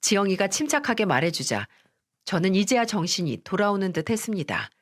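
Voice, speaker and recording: A woman narrates a first-person story in a steady, even read. Her voice sits at a middle pitch. The delivery stays scripted and composed throughout. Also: fairly quick, dry recording, studio quality.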